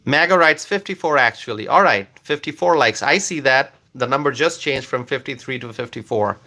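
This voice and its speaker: Animated and sharp-toned, a man of medium pitch talks at a normal pace while hosting an informal live stream. Bengali is his first language, and he reads comments aloud, names and thanks viewers, and fills gaps with frequent fillers.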